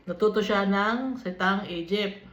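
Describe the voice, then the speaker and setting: A woman with a Filipino accent leading a Bible study, reading verses aloud and then explaining them in an unhurried way, switching between English and Tagalog. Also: mid-range voice. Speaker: Bible teacher. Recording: dull, lo-fi recording in an echoey room.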